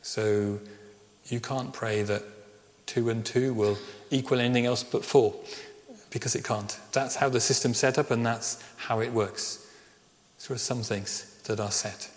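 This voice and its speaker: A man's voice: mid-range voice, fairly even intonation, measured pace. A man preaching a sermon, talking conversationally and asking the listeners rhetorical questions. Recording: long hall reverb.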